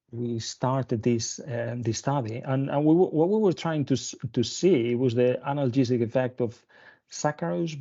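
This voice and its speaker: A pediatrician from Spain giving a webinar lecture, talking through slides with many fillers and restarts. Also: male voice, medium pitch, vocal fry, dark tone. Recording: dull lo-fi webinar audio.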